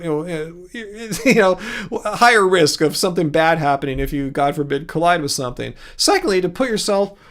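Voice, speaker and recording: A livestream host from California, United States, speaks with a Californian American accent in a fairly high, somewhat bright voice. He answers viewer comments in casual chat, loose and easygoing, drifting from one thought to the next.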